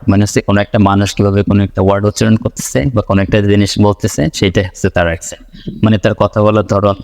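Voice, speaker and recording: A man's voice: fairly low pitch, in a large hall. A man from Bangladesh teaching a spoken English lesson, explaining patiently and repeating his points as he writes them out.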